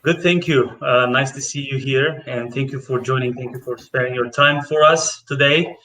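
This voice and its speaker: Hosting a live webinar as program manager, this man sounds friendly and hesitant, dropping many fillers. His mid-range voice is bright and forceful, with fairly even intonation and a moderate pace. The audio is roomy and distant.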